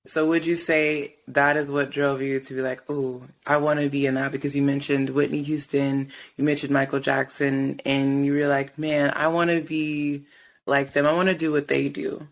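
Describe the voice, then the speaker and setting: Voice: mid-range voice, level tone, moderate pace, rough recording. A podcast host chatting casually and encouraging the guest. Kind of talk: casual chat.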